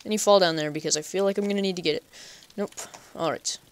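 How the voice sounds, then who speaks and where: A man's voice: sits high, steady tone, fast talker, smooth. A man giving casual, chatty let's play commentary, talking to himself playfully and making up goofy nicknames for animals. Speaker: gaming channel host.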